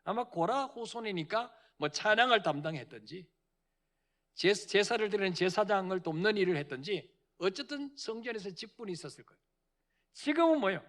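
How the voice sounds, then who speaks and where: A man's voice: high-pitched, expressive, brisk, fairly bright tone. A male senior pastor preaching a sermon in a church, calling out to the congregation and acting out quoted voices. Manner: preaching with call-and-response, dramatic quoted voices. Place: church sanctuary.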